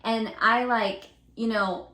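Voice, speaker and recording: A young woman co-hosting a podcast, chatting casually and telling animated stories that she keeps laughing through. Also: fairly high pitch, slow. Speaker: podcast co-host. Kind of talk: casual chat. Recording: echoey room with faint noise.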